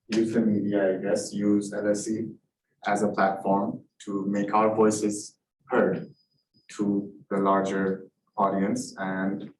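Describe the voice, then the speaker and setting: Halting young man, echoey. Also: lowish voice. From Nepal. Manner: halting, searching for words. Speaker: election candidate. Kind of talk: answering hustings questions. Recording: echoey room from far off, background noise.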